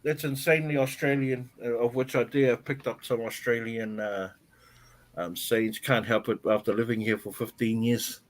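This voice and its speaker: A man's voice: mid-range voice, fairly even intonation, moderate pace. A man with a New Zealand accent, chatting casually and joking on a podcast. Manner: laid-back, joking, calls people bro. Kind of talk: casual chat.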